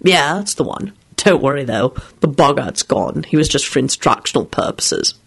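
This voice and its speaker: A woman reader voicing a cheerful, teasing grown man who is a father, lowering her voice a little and keeping it easygoing. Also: expressive, normal speed, creaky, slightly rough, heavily acted.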